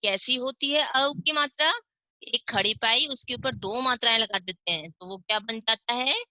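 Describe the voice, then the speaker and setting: A woman teaching young children online, with a Hindi accent, reading words slowly syllable by syllable and asking questions she then answers herself. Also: a little high, bright, forceful tone, dry recording, rough recording. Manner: slow, drawn-out syllable-by-syllable reading. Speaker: primary school teacher. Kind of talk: online class lesson.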